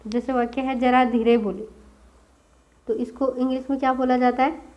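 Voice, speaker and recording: A woman teaching a spoken English lesson. She asks the class questions and repeats each English sentence slowly, word by word. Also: sits high, little pitch movement, darkish tone, dull audio.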